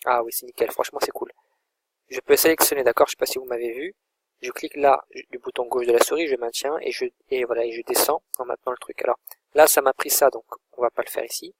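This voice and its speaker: A man narrates a screen-recorded tutorial in a loose, thinking-aloud way, narrating every click as he makes it. His voice is mid-pitched with a slightly husky edge. The sound is dry and close, with no room echo. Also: fairly even intonation, fast. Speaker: online course instructor.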